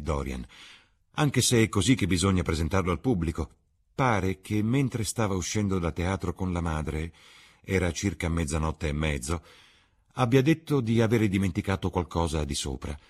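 A man voicing a worldly, cynical male aristocrat, calm and persuasive, in an audiobook reading. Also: deep voice, normal speed, breathy edge. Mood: smooth. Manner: suave, composed, persuasive.

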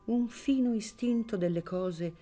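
A woman reading a classic novel aloud for radio, in a measured, expressive way. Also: medium pitch, faint music behind. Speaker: reader of a novel. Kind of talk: literary audiobook reading on radio.

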